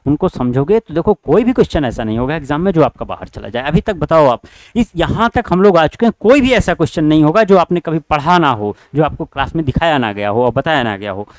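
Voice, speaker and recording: A man's voice: a little high, lively intonation, quick pace, dry recording. A man teaching an online exam-prep class, working through test questions and urging his students again and again. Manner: repetitive, urging students directly.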